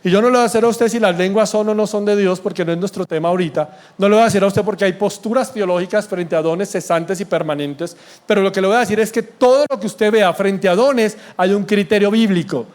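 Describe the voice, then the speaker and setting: A man's voice: high voice, fast talker, hardly any pauses, a little mellow. A male pastor preaching a sermon in church, emphatic and blunt, often throwing questions at the congregation. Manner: blunt and sarcastic.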